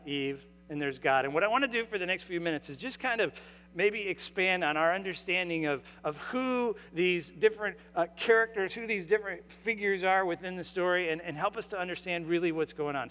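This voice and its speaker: A man preaches a sermon in a slightly high voice, earnest and conversational, often stopping to restart his phrasing. His words ring out with a long reverb that trails through a large church sanctuary. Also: fairly quick, a bit bright. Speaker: pastor. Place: church sanctuary during a service.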